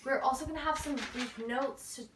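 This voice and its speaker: High-voiced teen girl in an echoey room. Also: steady tone, a little fast, distant mic, noisy background. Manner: chatty, lots of fillers and quoted asides. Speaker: vlogger. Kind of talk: casual storytime chat.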